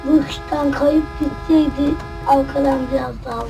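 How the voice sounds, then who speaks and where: A young woman chatting playfully as she comments on her own gameplay, often dropping to a soft murmur. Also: high voice, steady tone, moderate pace, vocal fry, music in the background, rough recording. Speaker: gaming channel host.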